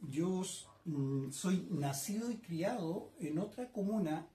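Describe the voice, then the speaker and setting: A man in his sixties with a Chilean accent, a painter recalling his childhood in a reflective, hesitant way, often pausing and adding tag questions. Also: high voice, animated, dark tone, roomy sound. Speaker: painter being interviewed. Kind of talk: casual reminiscing interview. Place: his home painting workshop.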